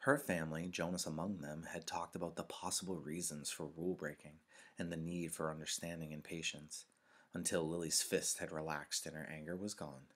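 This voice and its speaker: A man, a teacher, reading a novel aloud in a measured, expressive storytelling manner with dramatic pauses. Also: very deep voice. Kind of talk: read-aloud narration.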